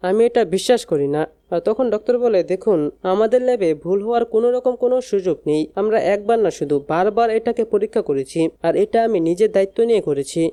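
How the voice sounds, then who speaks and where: A woman quickly recapping a TV serial's plot, reading the characters' lines in her own plain voice. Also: medium pitch, warm tone, dry recording. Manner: rapid storytelling, reads characters' lines in a plain voice. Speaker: gossip channel narrator.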